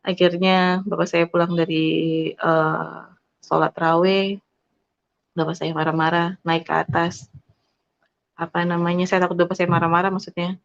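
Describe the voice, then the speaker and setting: A woman with a somewhat low voice gives a personal faith testimony. She talks earnestly and directly to her listeners, pausing on fillers and restarting her sentences. The recording sounds dull and lo-fi. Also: flat delivery, creaky. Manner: earnest, addresses listeners as brothers and sisters; halting, with many fillers and self-corrections. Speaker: testimony speaker.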